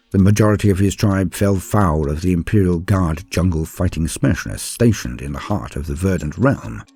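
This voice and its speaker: In a low, dark, husky voice captured dry, a male lore channel host performs dramatic scripted narration. His delivery is theatrical, ornate and formal.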